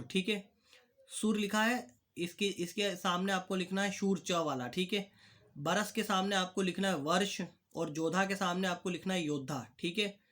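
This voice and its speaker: A young male teacher goes through textbook questions one by one, stopping and restarting his words as he goes. His voice sits high and sounds bright and forceful. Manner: halting, repeats "ठीक है" and restarts words. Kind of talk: classroom lesson explaining answers.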